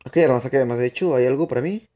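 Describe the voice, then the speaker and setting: This young man's mid-range voice is warm and races along. Putting on a Spain Spanish accent, he streams a game live, chatting with viewers, answering their messages as he plays, and rambling through explanations that keep restarting.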